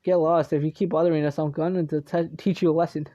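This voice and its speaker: A man reading the part of a rude, impatient male thug in a gruff, dismissive way, over game music. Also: on the high side, flat delivery, quick pace, dark tone, dry recording, dull audio, lightly acted. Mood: annoyed.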